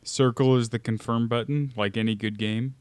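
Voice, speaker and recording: A man's voice: mid-range voice, fairly even intonation, normal speed, a little mellow, slight background noise. A man giving casual commentary while he plays a video game. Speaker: game streamer. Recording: faint game music behind.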